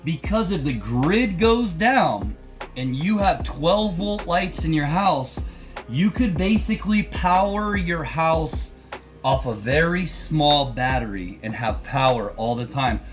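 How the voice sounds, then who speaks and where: A man's voice: fairly high pitch, animated, takes it slowly, soft background music. A man hosting a casual DIY tutorial, chatty and jokey as he explains each step. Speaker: host mechanic.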